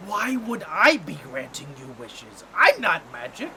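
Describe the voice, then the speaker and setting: Playing a bragging, overexcited octopus in a comic audio roleplay, a man commits to a full character voice that's nasal and squawky. He sits high in pitch and speaks a little slowly, theatrically fussy and pompous toward the listener. Here he's insistent, explaining things.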